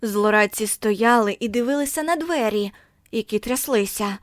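A woman with a fairly high voice narrates an audiobook, measured and expressive. Her voice sounds close and dry, as if recorded in a treated booth. The pace is steady and careful. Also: no echo.

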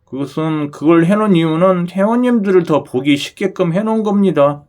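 The host of a lottery channel speaks a regional Korean dialect in a high, fairly quick voice with a darkish tone. He chats with his audience and keeps asking "그죠?" to get them to agree.

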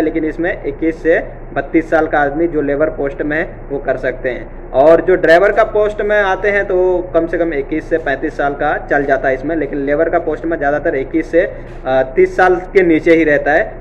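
On his job-vacancy channel, a young man speaks casually into a webcam in an indoor office, repeatedly reassuring viewers and frequently using "theek hai". His voice is a little high, and the low-quality recording carries a little hiss or hum.

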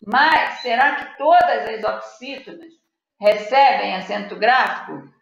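A woman's voice: a little high, measured pace, creaky. A Brazilian woman teacher giving a patient live online Portuguese lesson to children, reading word lists aloud and quizzing her pupils. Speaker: schoolteacher. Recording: echoey room, dull lo-fi audio with faint noise.

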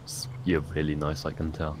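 A man with a very low, deep voice chatting on game voice chat as a fellow admin. He teases dryly and keeps it low-key. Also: completely flat delivery, moderate pace, noisy background. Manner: dry teasing. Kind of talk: casual gaming voice chat.

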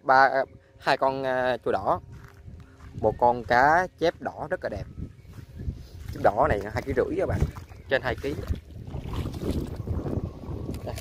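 A young man vlogging his fishing day on a lakeshore, talking to viewers with excitement. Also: mid-range voice, moderate pace, pauses often, background noise. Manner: excited, addresses viewers often. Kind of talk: casual outdoor fishing vlog. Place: outdoors on a lakeshore.

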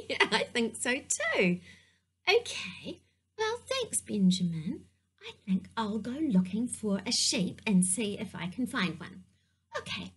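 A woman leads a preschool puppet-show lesson in a playful, sing-song manner. Her voice sits high and swoops widely, and she speaks slowly and gently for small children. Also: slightly rough. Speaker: preschool teacher.

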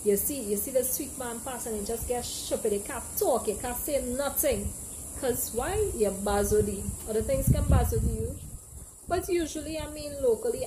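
With a mellow voice on the high side and poor audio, a young adult woman from Trinidad and Tobago explains things to camera in a casual, playful way, using local dialect examples. She is a language teacher and presenter with a Trinidadian Caribbean accent, filmed on an open outdoor porch with trees behind and clear outdoor ambience.

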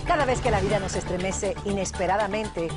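A woman's voice: mid-range voice, a little fast, loud music behind the voice. A woman reading an upbeat, polished promotional voice-over for a TV show.

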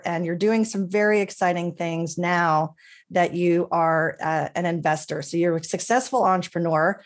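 A middle-aged woman hosting an interview over a webcam from a home office, introducing her guest with enthusiastic, effusive praise. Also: lowish voice. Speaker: podcast host. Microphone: webcam on a video call.

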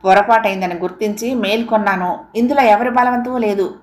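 Woman reading a calm, sad young woman. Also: medium pitch, a little fast, close to an everyday voice. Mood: restrained. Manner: quiet, restrained sadness. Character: young woman calmly ending a romance. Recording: roomy echo.

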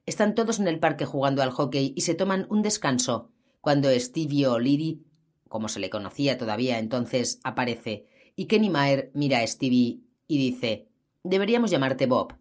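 A woman narrating a gritty crime novel in an audiobook, with steady storytelling. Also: very deep voice, moderate pace.

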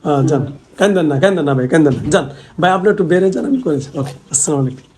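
A hoarse man, a spiritual healer speaking to viewers and telling visitors again and again to come or go. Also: fairly high pitch, racing. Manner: repeats short commands over and over. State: hoarse from fever and cold. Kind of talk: talking to camera and directing visitors. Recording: distant mic with loud background noise.

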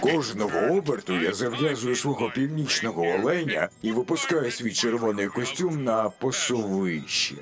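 A man plays a jolly robot Santa who speaks in a lively, bouncing voice and repeats himself like a broken machine. His delivery is cheerful and over the top. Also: mid-range voice, normal speed, hardly any pauses, close to an everyday voice. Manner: jolly, repetitive. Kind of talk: Ukrainian cartoon dub.

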